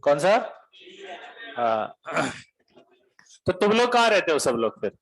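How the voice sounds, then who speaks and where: High-voiced teasing male teacher. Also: big pitch swings, takes it slowly, a bit bright, poor audio. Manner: joking, teasing, talks straight to students. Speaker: coaching teacher. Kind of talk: classroom lecture. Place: classroom.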